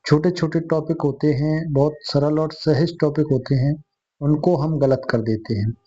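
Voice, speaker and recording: Dark-voiced man teaching a quiz lesson. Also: a little high, steady tone, moderate pace, slightly rough, highs cut off. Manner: addresses viewers as friends, repeats answers.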